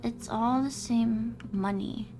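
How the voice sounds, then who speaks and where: A young woman talks casually through a game stream, high-pitched with a gravelly, fried edge, her voice wearing hoarse. She reacts aloud and thanks her chat as she goes. Clear background noise sits under the recording. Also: steady tone, slow pace. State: losing her voice.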